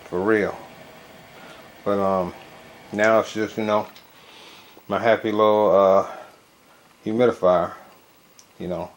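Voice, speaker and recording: Low-voiced man, stuffy packed nose, casual vlogging. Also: steady tone. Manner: loose, colloquial, halting with frequent verbal tics. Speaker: vlogger reviewing a product. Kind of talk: casual rambling video review. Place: bedroom at home. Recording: noisy home recording, clear background noise.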